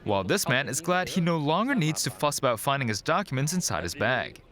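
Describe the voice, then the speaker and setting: A male reporter reading a news report voice-over in a formal, measured way. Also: fairly high pitch, very animated, a bit bright.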